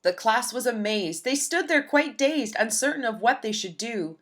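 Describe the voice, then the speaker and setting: Animated woman reading a children's storybook. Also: a little high, moderate pace. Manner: rhythmic, dramatic storytelling. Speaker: storybook reader. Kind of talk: expressive children's read-aloud narration.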